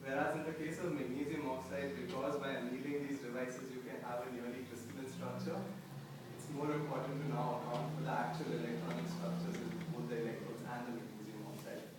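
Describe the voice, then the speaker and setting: A man's voice: mid-range voice, fairly even intonation, brisk. A young man giving technical explanations as a PhD candidate at his thesis defense. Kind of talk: technical question-and-answer explanation. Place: indoor lecture room. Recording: very echoey room, distant mic, clear noise.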